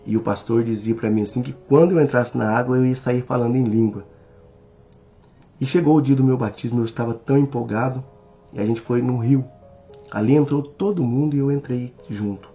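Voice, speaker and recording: A man with a Brazilian Portuguese accent teaching a Bible study in a sermon style, speaking slowly and deliberately and addressing the listener directly. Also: mid-range voice, mellow. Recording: slightly dull recording with faint music.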